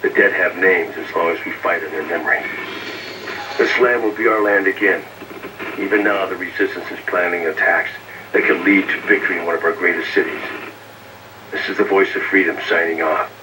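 Guy playing a grave rebel radio announcer in a game, deep voice, defiant, far off from the mic. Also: fairly even intonation, natural voice. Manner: grave, measured. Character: solemn, defiant male resistance radio broadcaster. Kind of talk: scripted radio address. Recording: played from TV speakers, far, noisy.

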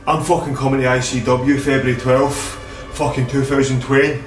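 A cocky wrestler played by a man cuts a wrestling promo. He swaggers and swears through his boasts in a mid-pitched voice. It is recorded in an echoing room, a little away from the mic. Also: level tone, moderate pace, faint music behind, natural voice. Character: brash male wrestler, cocky challenger promising to take the crown. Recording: roomy, distant camera mic, some noise.

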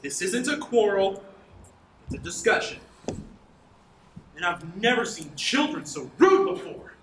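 A man's voice: sits high, sing-song, unhurried, a bit bright, exaggerated voice. A young man on a school stage playing an irritable, bad-tempered middle-aged husband who snaps and grumbles. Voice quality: snappish, exasperated. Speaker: stage actor. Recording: echoey stage hall, room noise.

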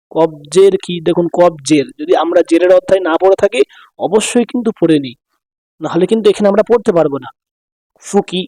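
A man teaching Quran reading in Bengali, with a Bangladeshi accent, drilling syllables slowly one by one, then explaining quickly. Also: sits high, mellow, no room sound. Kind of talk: spelling-out reading lesson.

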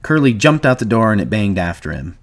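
A man narrating a novel aloud in a measured, even storytelling manner. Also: fairly low pitch. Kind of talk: audiobook reading.

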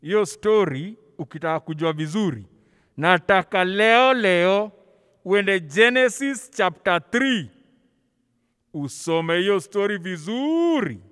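A Kenyan man who teaches children's Sunday school tells Bible stories with theatrical flair, acting out dialogue with stammered repetitions and casually code-switching between languages. His high voice is smooth and a bit bright, with lively intonation and a slow pace. He's on stage in a large, very reverberant church hall, holding a handheld mic close over his face mask.

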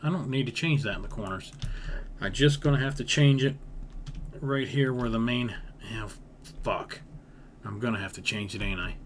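A gaming video creator with a medium-pitched voice chats casually at a moderate pace while building in a video game. He thinks aloud, repeats himself and uses folksy grammar, with background noise and keyboard typing audible.

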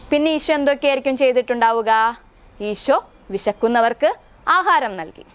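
A young woman from Kerala teaching a Sunday school catechism lesson to small children, telling stories and asking them frequent questions. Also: on the high side. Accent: Kerala Malayalam. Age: young adult. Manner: asks children frequent questions, slow prayerful recitation.

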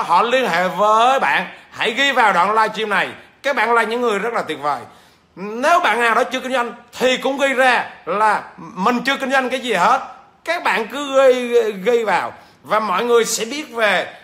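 High, bright-voiced man who stammers. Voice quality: stammers at times. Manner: keeps checking in with viewers through questions. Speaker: business trainer. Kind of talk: livestreamed lecture to viewers.

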